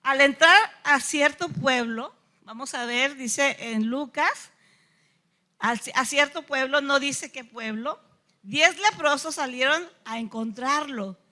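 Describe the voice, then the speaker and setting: A woman's voice: high voice, takes it slowly. A woman from Mexico preaching a sermon to a church, often asking the congregation rhetorical questions. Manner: acts out the lepers' cries loudly.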